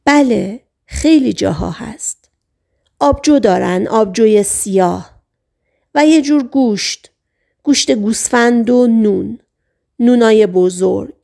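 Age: adult. Figure: hypnotized woman reliving a past life as a sailor , read by a woman. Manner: halting trance-like phrases. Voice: high, gravelly. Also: mellow. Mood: dreamy. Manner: short halting sentences, as if in a trance. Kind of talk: audiobook reading.

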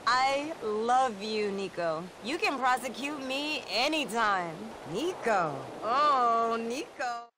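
A gushing, lively game girlfriend. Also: fairly high pitch, slow pace, hardly any pauses. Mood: doting. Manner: gushing and doting, naive. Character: eager, clingy young woman lawyer girlfriend. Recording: game audio with loud rain and traffic noise.

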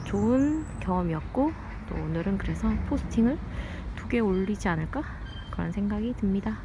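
A woman vlogger chatting casually to her viewers, musing in short phrases with frequent pauses, recorded outdoors on a phone. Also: mid-range voice, expressive. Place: outdoors under trees. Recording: noisy outdoor ambience, passing traffic.

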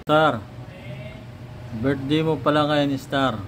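A man, talking slowly and coaxingly in sing-song baby talk to his pet dogs. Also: on the high side, fairly bright tone, a little hiss or hum, poor audio. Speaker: vlogger. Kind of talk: casual chat to pet dogs.

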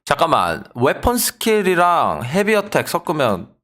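A young man giving excitable let's-play commentary, yelling at enemies and joking with viewers. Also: fairly high pitch, a little slow. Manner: excitable, yells and trash-talks the game. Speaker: gaming YouTuber.

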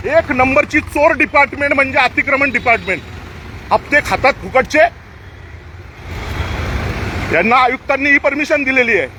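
Furious guy yelling at city workers, voice way up high, phone mic, loud traffic all around. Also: moderate pace, pauses often. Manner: scolding, shouting, demanding answers. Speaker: citizen confronting municipal staff. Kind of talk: angry live-streamed confrontation. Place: outdoors on a busy street. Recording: street traffic noise behind.

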